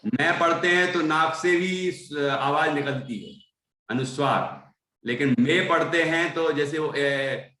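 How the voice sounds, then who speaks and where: A man leads a class, patiently correcting pronunciation and repeating each syllable. His voice is bright and he speaks slowly, sounding in an echoey room. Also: a little high. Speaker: Sanskrit recitation teacher.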